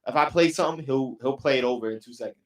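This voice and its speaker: Young NY rapper guy, relaxed, easygoing talk, mid pitch. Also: racing. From New York City. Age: young adult. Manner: laid-back, repeats "you know what I'm saying". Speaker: rapper and producer, guest. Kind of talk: casual interview chat.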